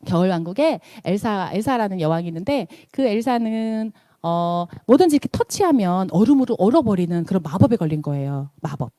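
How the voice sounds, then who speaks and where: A woman's voice: mellow, dry recording. A middle-aged woman from South Korea, an invited seminar speaker, tells a story in a motivational speech and acts out the quotes. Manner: storytelling, acts out quotes with big swings in pitch.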